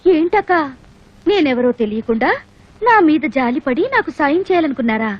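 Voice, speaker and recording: A woman's voice: sits high, lively intonation, normal speed. A scornful defiant young woman. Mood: taunting. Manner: taunting, sharp and scornful. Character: defiant young woman scolding rival sisters-in-law. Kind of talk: film dialogue. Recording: dull film soundtrack with faint music.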